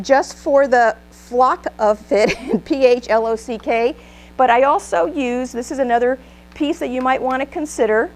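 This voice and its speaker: A woman's voice: a little high, darkish tone, rough recording. A woman giving a motivational training talk, upbeat and emphatic, leading a live audience in call-and-response. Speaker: presenter giving a trainer workshop.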